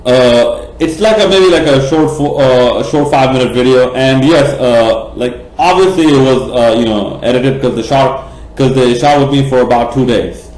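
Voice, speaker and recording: A man's voice: medium pitch, moderate pace, a little mellow. A man from Bangladesh ranting passionately in a cricket vlog, rambling with many fillers and restarts, blunt and profane. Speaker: cricket vlogger. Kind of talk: opinionated vlog rant. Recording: echoey room.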